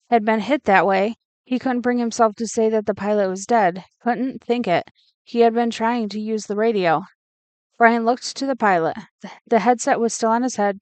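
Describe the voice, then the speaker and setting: A woman reads a novel aloud with steady, expressive pacing. Her voice is smooth and clear, and the recording is dry and close. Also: medium pitch, no echo. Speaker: reader.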